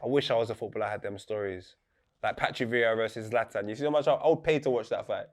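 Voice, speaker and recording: A man as a guest in a casual interview, animated and joking as he riffs on ideas. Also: lowish voice, fast talker. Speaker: podcast guest.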